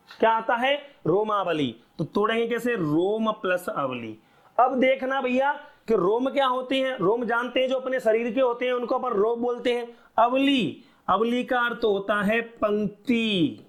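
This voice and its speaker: Slow, high-voiced male teacher lecturing. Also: a bit bright. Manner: repeats questions to the class and answers them. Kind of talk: classroom lecture.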